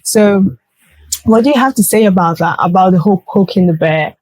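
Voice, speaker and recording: A woman's voice: mid-range voice, a little fast, a little mellow, dry recording, poor audio. A woman hosting a podcast conversation, speaking thoughtfully and earnestly with frequent restarts. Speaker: podcast host. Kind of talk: reflective conversational chat.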